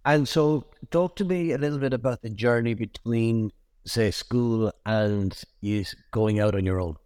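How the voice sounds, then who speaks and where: A man's voice: mid-range voice, unhurried, darkish tone, clear, resonant tone, no room sound, clean studio sound. A man hosting a podcast interview, asking friendly, curious questions. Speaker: podcast host.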